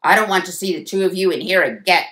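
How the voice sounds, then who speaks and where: A woman's voice: fairly low pitch, quick pace, a bit bright, lightly acted. A woman voicing a huge, bald, stern male school principal who lectures, in a storybook read-aloud.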